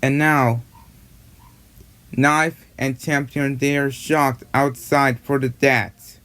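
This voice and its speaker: Slow halting man retelling a cartoon. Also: medium pitch, flat delivery, fairly bright tone. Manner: halting, repetitive, run-on retelling. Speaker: fan narrator retelling a cartoon. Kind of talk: rambling casual narration.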